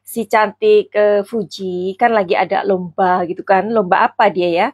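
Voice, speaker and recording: A woman's voice: medium pitch, steady tone, moderate pace, no echo. A woman hosting a chatty celebrity gossip vlog, theatrical and teasing, calling her viewers darling.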